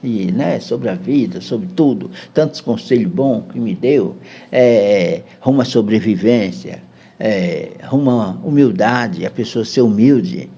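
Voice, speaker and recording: A Brazilian man tells a personal story at an unhurried pace as a podcast guest. His voice is gravelly and husky. His pitch moves in lively swings. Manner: unhurried, tags lines with "né". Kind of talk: casual storytelling chat.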